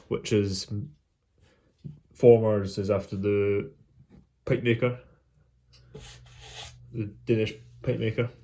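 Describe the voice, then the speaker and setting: A man talking casually to viewers as a vlog host, in a halting, unscripted way with trailing phrases. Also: mid-range voice, mellow. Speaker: host of a pipe smoking vlog.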